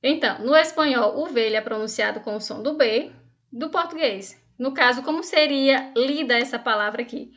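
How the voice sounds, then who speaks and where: A woman's voice: sits high, normal speed, a bit bright, muffled recording. A woman from Brazil teaching an online language lesson, explaining patiently, asking the class questions and reading exercises aloud. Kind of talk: online Spanish lesson for students.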